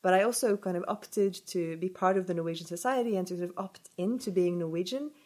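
Speaking quickly in a lowish, slightly mellow voice, a woman researcher responds to a podcast interviewer. Her replies are thoughtful but full of hedges and filler words.

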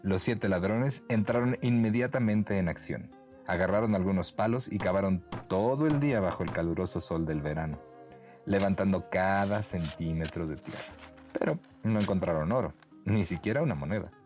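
A man narrating a bedtime story for children in a gentle, expressive way. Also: deep voice, normal speed, faint music behind.

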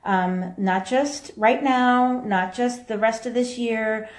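A woman's voice: a little high, slow pace. A woman hosting a casual live video as a mom coach, chatting with viewers and reacting to their comments, recorded in an echoey room. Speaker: podcast host and mom coach.

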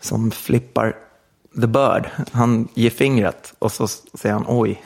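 A man's voice: vocal fry, slightly rough. A middle-aged man, a musician guest, chatting casually in an interview with lots of fillers and rambling asides. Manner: rambling, many fillers, animated pitch jumps.

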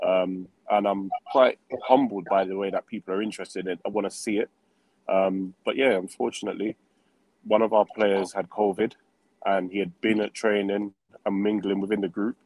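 A man with a fairly low voice and a dry sound talks as a remote guest. He is measured and polite, speaking like a team manager giving an account. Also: fairly even intonation, a little mellow, no echo, poor audio. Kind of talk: remote interview. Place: on a train, remote call.

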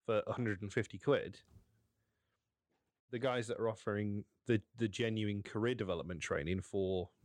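Low-voiced man chatting. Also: moderate pace, dry recording. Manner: talkative, thinks aloud with many restarts. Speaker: podcast co-host. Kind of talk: casual chat.

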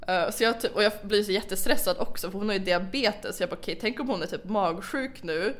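Young female podcast co-host, casual, animated storyteller, salty language. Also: mid-range voice. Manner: animated storytelling, swears freely. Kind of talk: casual chat.

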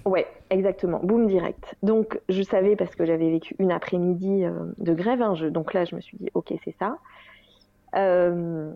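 Woman guest, 30s, halting and wry, dry and slightly muffled sound. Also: lowish voice, dry recording. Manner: hesitant, many fillers, wry self-mocking humor. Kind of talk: candid interview. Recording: slightly dull dry recording.

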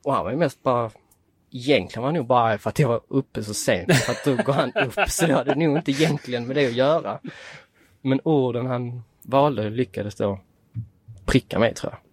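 A man in his late twenties, a podcast guest, telling a story in a lively, casual way and acting out quoted dialogue. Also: medium pitch, husky, no echo, studio quality.

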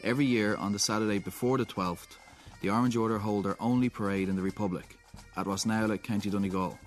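A man reading scripted documentary narration in a measured way. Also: fairly low pitch, fairly even intonation, faint music behind. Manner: measured, clear delivery. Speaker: reporter, narrator.

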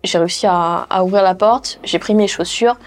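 A young woman giving a personal testimony in a casual, halting way, with many fillers and restarts. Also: medium pitch. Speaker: interviewee telling her story.

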